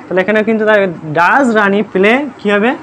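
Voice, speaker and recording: Brisk classroom grammar teacher, quizzing. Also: mid-range voice, steady tone, a bit bright, a little hiss or hum. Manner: quizzes students constantly, checking "understood?"; spells words letter by letter. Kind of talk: live classroom lesson in Bengali. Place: classroom with pupils present.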